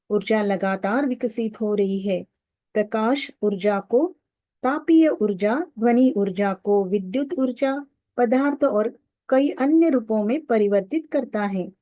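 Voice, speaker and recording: A woman reads a spiritual audiobook in a steady, even manner. Her voice sits fairly high but has a warm, mellow tone. The recording is dry and close, with no room sound. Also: measured pace, no echo. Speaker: audiobook narrator. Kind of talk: scripted spiritual audiobook narration.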